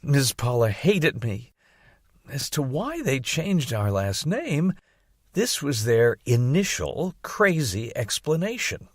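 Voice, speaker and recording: A man narrates an audiobook, telling a first-person story in an expressive, theatrical way. His medium-pitched voice moves slowly, recorded on a close mic with no echo.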